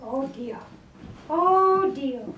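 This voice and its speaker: Woman dog trainer with a high voice: short upbeat commands and sing-song praise, miked from a distance. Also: lively intonation, drawn-out words, dull audio, slight background noise. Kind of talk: puppy training lesson with spoken explanations. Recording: roomy sound, away from the mic.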